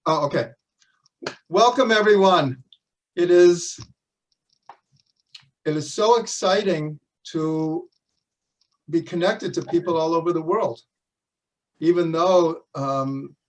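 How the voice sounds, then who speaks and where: A rabbi opens an online lesson in a warm, measured voice that sits a bit high. He is a little far from the microphone, so the sound sits back in the room. He is welcoming and steady. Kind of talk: online lecture.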